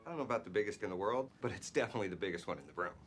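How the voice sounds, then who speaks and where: A man's voice: on the low side, expressive, a bit bright, faint music behind. An actor playing a smug male office climber bragging about his new job. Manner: smug, quick. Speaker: office executive.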